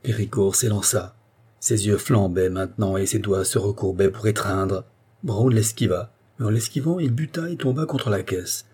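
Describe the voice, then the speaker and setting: In this scripted audiobook narration of a novel, a male reader tells the story steadily and expressively. His voice sits low, sounding dark and mellow with husky texture.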